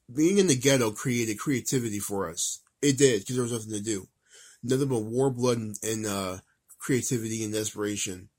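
A man in his thirties giving a casual, emphatic rant, repeating phrases for stress, recorded in an office on an old flip phone with lower quality audio. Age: 30s. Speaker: vlogger.

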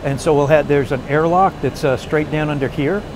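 A man acting as technical guide, giving an informal, halting walk-through explanation. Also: on the high side, fairly even intonation. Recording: noisy industrial space, machinery hum.

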